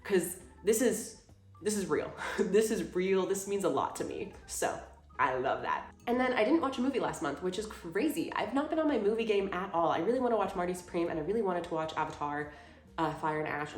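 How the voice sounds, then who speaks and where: A woman's voice: lowish voice, expressive, fast talker. Chatty gushing woman in her twenties. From Houston, Texas. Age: 20s. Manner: chatty and gushing, full of "like" and restarts. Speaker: vlogger. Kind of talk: casual monthly favorites chat. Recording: roomy sound with faint music.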